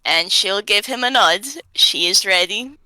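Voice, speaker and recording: Girl playing a tabletop rpg, super bright clear voice, takes her time, dry sound. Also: mid-range voice, measured pace, no room sound, rough recording. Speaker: tabletop game player. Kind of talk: casual chat, describing her character's actions.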